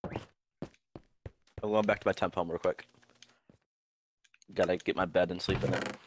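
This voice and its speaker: A man's voice: deep voice, little pitch movement, measured pace, a little hiss or hum. A young man playing a game alongside his friend, chatting casually in a laid-back, teasing way. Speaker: co-player. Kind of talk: casual gameplay chat.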